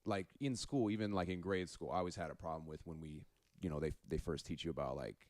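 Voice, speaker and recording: A young man musing calmly in a podcast conversation. His voice is among the lowest, with a close, dry sound. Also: fast, no room sound. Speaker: podcast co-host. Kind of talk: casual podcast chat.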